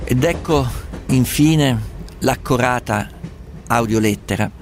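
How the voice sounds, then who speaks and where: A man's voice: medium pitch, takes it slowly. A male host in radio talk, musing rhetorically with ornate wording and emphatic repetition. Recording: faint background noise.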